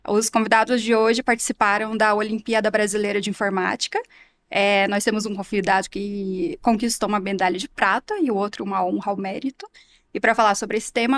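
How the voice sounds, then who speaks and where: A young adult woman hosting a podcast, introducing guests in a friendly, upbeat, well-structured way. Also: mid-range voice. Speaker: podcast host.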